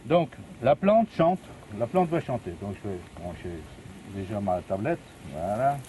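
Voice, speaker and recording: A man's voice: mid-range voice, big pitch swings, measured pace, noisy background. An older man, a retired music teacher, patiently explaining a plant music demonstration outdoors in a garden.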